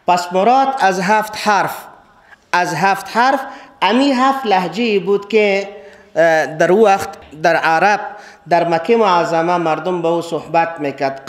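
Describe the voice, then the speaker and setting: A man speaking with an Afghan Dari accent gives a classroom lesson on scripture, with a fairly high voice. He talks slowly and repeats key words. He lifts his voice to stress points. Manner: slow, deliberate listing. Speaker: religious teacher. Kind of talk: classroom Quran lecture.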